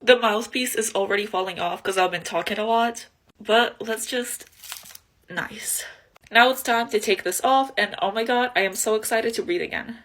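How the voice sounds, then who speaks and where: A woman makeup vlogger chatting casually and playfully, with excited exclamations. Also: fairly high pitch, moderate pace. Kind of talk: casual chat.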